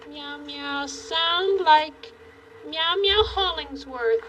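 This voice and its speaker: High, slow meowing puppet pussycat. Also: female voice, fairly bright tone, distant mic, slight background noise, heavily acted, low-quality recording. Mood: wistful. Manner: halting broken phrases padded with meows. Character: Henrietta, sweet timid female pussycat puppet who meows between words. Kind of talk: children's puppet show acting.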